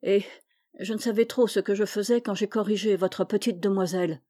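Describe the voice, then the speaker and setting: An older vagrant man, read by a woman in a storybook, begging pardon in a deferential, earnest way. The voice stays mellow and dark-toned. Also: mid-range voice, steady tone, a little fast, no room sound, studio quality, natural voice. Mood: humble pleading. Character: humble apologetic male vagrant, older.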